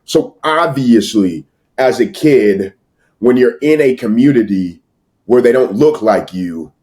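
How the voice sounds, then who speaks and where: An American sales entrepreneur talks casually as a podcast guest, giving motivational interview talk that's emphatic and repetitive, with slangy asides to the listener. His voice is medium-pitched and darkish, with lively intonation, and he takes it slowly.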